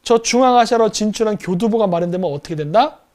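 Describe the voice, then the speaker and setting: A man's voice: high voice, fast, darkish tone. A man giving casual geopolitical commentary, talking animatedly and acting out countries as quarrelling people. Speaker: political commentator.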